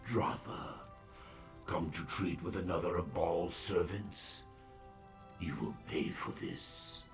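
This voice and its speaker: A gravelly, vengeful demon spirit. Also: male voice, low voice. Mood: vengeful, menacing. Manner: menacing, vengeful spirit, slow and solemn threats. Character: vengeful male demon lord, cruel and menacing. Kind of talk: fantasy video game acting. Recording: echoing voice over game music.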